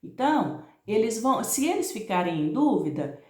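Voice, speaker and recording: A middle-aged Brazilian woman, a first-grade teacher, gives a patient, slow recorded message to her young pupils and their parents, and keeps checking in with "tá?". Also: fairly high pitch, sing-song, a little mellow, echoey room. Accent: Brazilian Portuguese. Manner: patient, explains slowly, ends phrases with "tá?".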